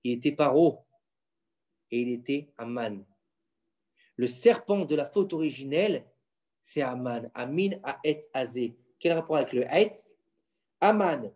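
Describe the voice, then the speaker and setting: Animated father quizzing his children. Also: mid-range voice, a little slow, pauses often. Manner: animated, quizzing listeners with questions; insistent, keeps the floor. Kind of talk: casual Torah lesson at home.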